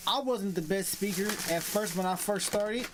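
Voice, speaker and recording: A man with a high voice talks in a casual way. He stutters at times and restarts his phrases. A faint ambient hiss sits behind him. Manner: stutters now and then, halting restarts. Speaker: guest. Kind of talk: casual conversation.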